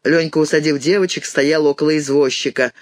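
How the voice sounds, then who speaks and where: A man narrating an audiobook in an even storytelling manner on a close mic. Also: fairly high pitch, fairly quick, no room sound. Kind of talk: scripted narration.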